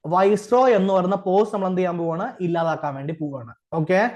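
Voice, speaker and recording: A man with a Malayali accent, working as an exam coach, gives an informal classroom-style lecture. He poses rhetorical questions, keeps checking that listeners understand, and mixes in English terms. His voice is high-pitched and a little mellow.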